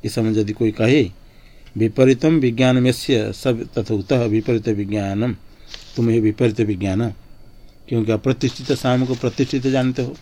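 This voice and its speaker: A man with a soft, dark tone teaches scripture to a class at an ashram. He recites a Sanskrit line, then explains it in plain Hindi at an even, steady pitch. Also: moderate pace. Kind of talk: Sanskrit commentary lesson.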